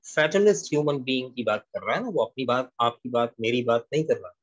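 A man giving a poetry lesson, explaining slowly and repeating key lines while switching between Hindi-Urdu and English. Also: mid-range voice, lively intonation, lo-fi sound. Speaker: English literature teacher. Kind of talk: classroom-style poetry lecture.

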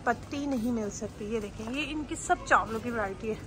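A woman's voice: on the high side, fairly quick. Chatty woman vlogging groceries. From Pakistan. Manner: chatty, exclaims at prices and food. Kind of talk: casual shopping vlog chat. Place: large indoor supermarket. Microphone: handheld phone camera. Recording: background music laid over.

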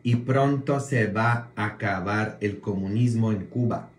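Polish-born male priest, casual viewer talk, very slow, roomy echo, keeps tossing in "mm?" checks. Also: fairly low pitch. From Poland. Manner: slow, drawn-out delivery with frequent "mm?" tag questions.

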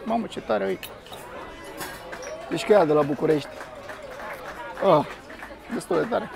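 Amid the chatter of diners on a restaurant terrace, a young male food vlogger speaks in a high, creaky voice. He reviews the food enthusiastically for a camera on his outdoor table, exclaiming as he tastes each bite.

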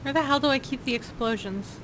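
A woman's voice: high voice, a little fast, fairly bright tone. A young woman playfully and bluntly chatting while gaming with friends. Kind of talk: casual gaming chat. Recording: noisy background.

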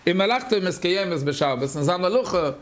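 A man with a Yiddish accent teaching a Talmud class, talking haltingly, repeating words and using many fillers. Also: sits high, expressive, slight background noise.

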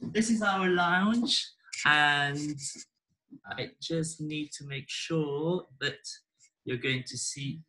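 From his living room, a man teaches a live online dance class, giving step-by-step instructions encouragingly while hesitating between them. His fairly high voice is pushed and bright, and he speaks extremely slowly. A laptop or webcam mic across the room makes the sound roomy and distant.

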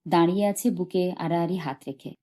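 A female audiobook reader narrates literary fiction with expressive storytelling, reading a little fast. Her voice is a little low, very soft-edged, and mellow.

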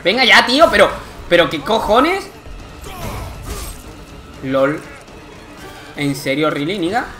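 A young Spanish man with a Spanish accent rants through his gameplay, his pitch jumping wildly between groans and shouts. He swears constantly and cries out in frustration. Faint game music plays behind him. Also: slow, pauses often. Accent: Spain Spanish. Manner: excitable, swears often, frustrated outbursts. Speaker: gaming youtuber. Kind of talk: gameplay commentary.

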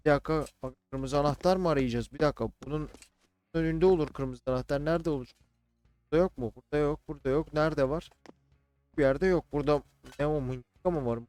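A young man casually commentating a let's-play, chatty and slangy, shouting and yelping when fights get heated. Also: a little high, clear, resonant tone. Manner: excitable, shouts and yelps during fights. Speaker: gaming YouTuber. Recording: game music and gunfire behind.

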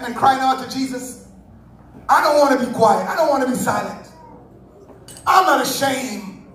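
High-voiced man preaching in echoey church. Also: far from the mic. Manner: fervent preaching, bursts into shouts. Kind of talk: Sunday sermon. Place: church sanctuary. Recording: very echoey church hall, heard from afar.

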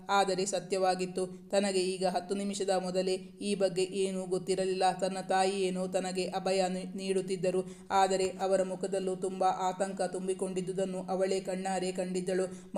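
A man narrating a romance story in a steady reading voice, with small restarts. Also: sits high. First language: Kannada.

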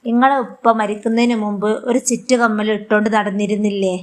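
A woman's voice: mid-range voice, fairly even intonation, a little fast, close to an everyday voice. Woman reading a caring daughter-in-law, earnest and reproachful, Malabar accent, storybook. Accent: Malabar Malayalam. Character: kind, firm young daughter-in-law.

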